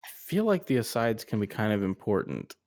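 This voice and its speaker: A man's voice: fairly low pitch, sing-song, fairly quick, a little mellow, no room sound, clean studio sound. A man co-hosting a casual podcast over voice chat, joking and laughing along. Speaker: podcast co-host. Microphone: home mic on voice chat.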